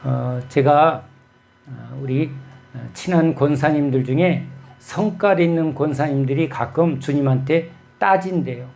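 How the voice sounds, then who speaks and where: A male pastor delivers a sermon in a fairly high voice. He tells stories with animation and keeps putting rhetorical questions to his congregation. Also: measured pace, gravelly, a little mellow, faint music behind.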